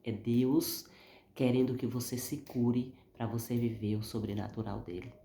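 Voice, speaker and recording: A Brazilian woman speaks in a dark, mellow voice, thick with a swollen, inflamed throat from flu. She gives informal spiritual encouragement, earnest and fond of emphatic repetition. The sound is strongly echoey and roomy. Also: extremely low pitch, flat delivery, moderate pace. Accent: Brazilian Portuguese. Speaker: vlogger giving spiritual encouragement.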